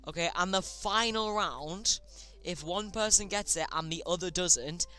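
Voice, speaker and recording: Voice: mid-range voice, measured pace, sharp tone, smooth. A streamer casually hosting a chat game live, chatty and often tripping over words.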